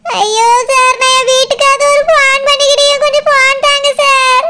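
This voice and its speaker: A woman's voice: very high-pitched, level tone, normal speed, heavy background noise. A woman voicing a middle-aged village mother, locked in jail, who sobs and pleads with a Tirunelveli Tamil accent. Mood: pleading. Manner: wailing, pleading, sobbing. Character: jailed village mother, middle-aged, sobbing, self-pitying. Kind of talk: cartoon voice acting.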